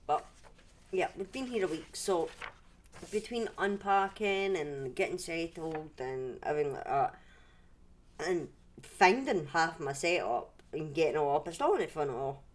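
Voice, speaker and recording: Her voice is low and unhurried. Broadcasting a livestream from inside her home, the Scottish-accented woman rambles conversationally through her stories, cutting herself off and beginning her sentences again.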